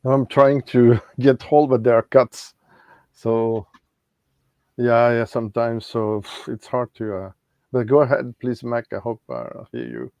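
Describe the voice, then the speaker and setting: A man on a video call whose audio keeps cutting out in dropouts, speaking plainly and a little haltingly as a panelist in a casual chat. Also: mid-range voice, animated, gravelly, darkish tone, no room sound. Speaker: roundtable panelist.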